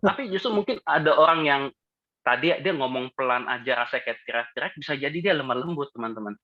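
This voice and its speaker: Man leading a casual Bible study. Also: fairly high pitch. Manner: conversational, asks the group questions. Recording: dull lo-fi audio.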